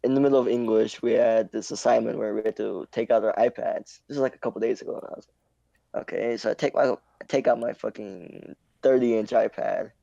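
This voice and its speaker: A man's voice: on the low side, fairly even intonation, fairly quick, vocal fry, dark tone, dry recording. A man casually telling a rambling, profane story to friends on a podcast, stumbling over his words. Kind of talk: casual chat among friends. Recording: dull dry lo-fi sound.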